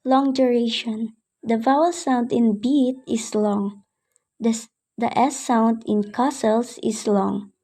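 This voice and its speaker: Slow, mellow-voiced woman reading notes. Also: a little high, steady tone, slightly rough. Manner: reads definitions and examples in short phrases. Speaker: student presenter. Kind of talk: reading a class presentation.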